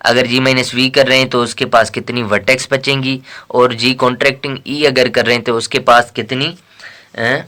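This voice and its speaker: A man's voice: medium pitch, pushed and bright. A man from Pakistan teaching a math lesson in a casual lecture style, counting aloud and reading questions before explaining them.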